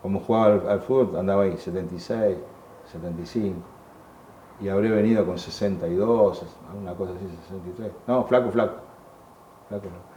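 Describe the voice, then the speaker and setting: This older Argentine man, a war veteran being interviewed in a museum room, has a low, dark, steady voice. His emotional testimony comes haltingly, repeating words and voicing the people he quotes, while the echoey room carries a faint background hum.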